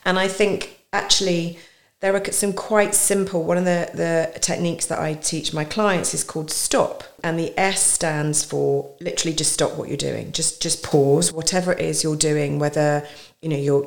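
A woman in her forties, a coach, explaining a calming technique in a relaxed podcast conversation with thoughtful pauses. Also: low-pitched. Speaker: guest coach.

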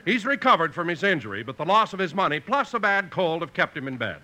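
A man's voice: fairly high pitch, very animated, fast, pushed and bright. A male announcer introducing a 1940s radio comedy in a formal, stately way. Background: music.

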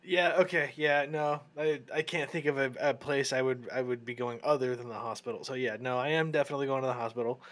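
A man's voice: mid-range voice, steady tone, quick pace, hardly any pauses, a bit bright. A man playing in a tabletop game, describing his character's actions casually with frequent hesitations and restarts. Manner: hesitant, restarts often, then speeds up. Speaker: player.

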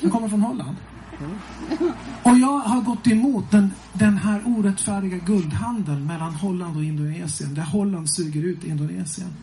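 A man telling a lively testimony to a congregation as a preacher, swinging between hushed and loud and often chuckling. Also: sits high, slight background noise, low-quality recording. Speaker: preacher and singer.

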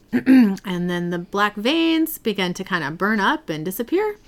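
A woman retelling a TV episode in a relaxed podcast chat, with lively, swooping pitch and a chatty, giggly way of telling it. She sounds animated and casual, with her pitch in a middle range. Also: a little slow. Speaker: podcast host recapping a TV episode.

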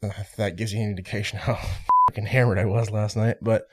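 A hungover man chatting casually as a podcast co-host, halting and self-deprecating as he loses his train of thought. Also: fairly low pitch, level tone, noisy background. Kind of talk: casual chat.

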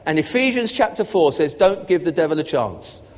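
A man's voice: on the high side, big pitch swings, moderate pace. A man preaching a sermon as the new church officer, earnest and emphatic, leading the congregation in repeating lines. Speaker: pastor. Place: church hall. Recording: muffled echoey church hall.

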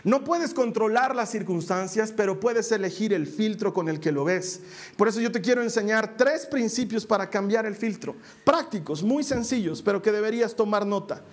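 A man's voice: sits high, expressive, moderate pace. A male preacher teaching a sermon, addressing the listeners directly and acting out quotes as he explains scripture.

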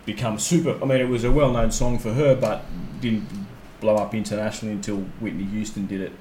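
A man hosts a relaxed conversation, his somewhat low voice circling and repeating words as he hunts for the point. The room is echoey, and a faint hiss sits under the recording. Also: fast. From Australia. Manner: rambling, repeats words while searching for phrasing. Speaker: podcast host. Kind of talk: casual chat.

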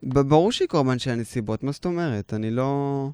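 A man co-hosts a chatty podcast, ribbing his partner and walking through long examples. His voice is smooth and resonant, recorded close and dry. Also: mid-range voice, lively intonation, darkish tone, dry recording. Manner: teasing, explains with long examples. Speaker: podcast co-host. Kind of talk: casual podcast debate.

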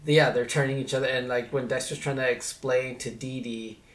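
A man's voice: mid-range voice, fairly even intonation, moderate pace. Podcast co-host, man, thirties, loose rambly delivery full of "you know", recorded in a roomy echoey space. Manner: rambling, filler-heavy. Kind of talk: casual chat.

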